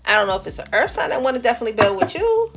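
A woman doing a casual tarot reading who talks straight to the viewer in a chatty, animated way and laughs often. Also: on the high side, racing, vocal fry, faint music behind. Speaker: tarot reader.

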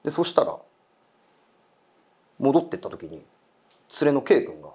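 A man's voice: medium pitch, sing-song, moderate pace, mellow. A man telling a ghost story in casual chat, acting out quoted voices and eerie murmurs. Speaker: guest storyteller.

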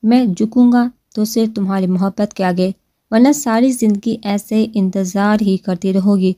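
A woman voicing a stern, possessive young husband who speaks in a serious, measured way, read in a storybook. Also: medium pitch, steady tone, warm tone, dry recording, lightly acted.

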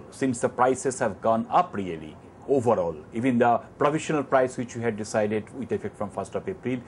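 A company chairman in his fifties with an Indian English accent explains prices in a business interview, speaking in a measured, detailed way full of numbers and restarts. He wears a lapel mic in an indoor office with an armchair, his voice medium-pitched with slight background noise.

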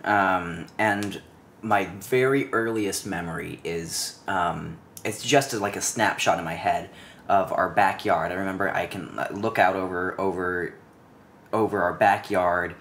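At a measured pace, a low-voiced young man in his twenties tells animated childhood stories in a casual podcast chat, with a little hiss or hum audible. The guest, a cinematographer and actor, sits on a living room couch speaking into a studio mic on a stand, and his rambling is full of restarts and fillers.

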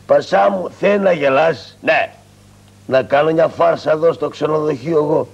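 Man doing a cunning puppet-theatre trickster, sly, bantering, highish husky voice. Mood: scheming. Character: Karagiozis, cunning poor male trickster. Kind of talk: Greek shadow-puppet theatre. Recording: dull lo-fi recording with faint music.

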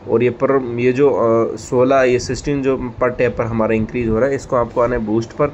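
A man's voice: medium pitch, level tone, moderate pace, darkish tone. A man casually walking viewers step by step through a mobile app, leaning on repeated fillers like "okay" and "here". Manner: repetitive fillers, frequent "ठीक है". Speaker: tech tutorial host. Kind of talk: casual screen-recorded app walkthrough. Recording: slightly dull lo-fi audio with faint noise.

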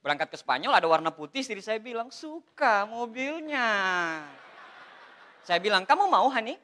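Lively, bright-voiced Indonesian man on stage. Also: high voice, moderate pace. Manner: lively, joking, addresses listeners as Pak. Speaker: motivational speaker at a business seminar. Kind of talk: animated seminar talk to an audience.

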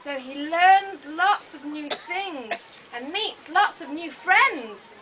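On a small stage in an open-sided thatched hall, a woman narrates a puppet show to young children using exaggerated, simple, questioning phrases. Her high voice is animated, pushed and bright as she goes slowly, recorded noisily by a camera some metres away.

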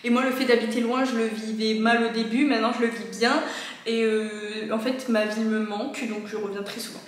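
A woman's voice: little pitch movement, brisk. A nineteen-year-old woman hosting a casual, giggly vlog, her voice swamped in heavy room echo in a large bare house room. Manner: giggly, chatty, playful. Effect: heavy booming room echo. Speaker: YouTuber hosting her channel. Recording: very echoey house room, light noise.

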